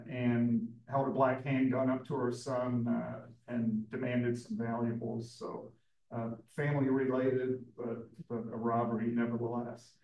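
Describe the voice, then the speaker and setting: Man, police lieutenant, halting report, many fillers, echoey room, away from the mic. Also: medium pitch, darkish tone. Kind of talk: public meeting report. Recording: roomy, distant from the mic.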